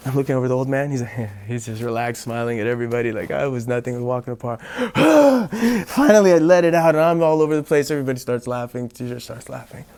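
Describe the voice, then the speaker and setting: A man in his thirties, a martial arts teacher, telling a lively story as an interview guest. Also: mid-range voice, very fast, hardly any pauses, clear, resonant tone. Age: 30s. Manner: lively, builds up the tension of the story. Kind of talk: animated storytelling.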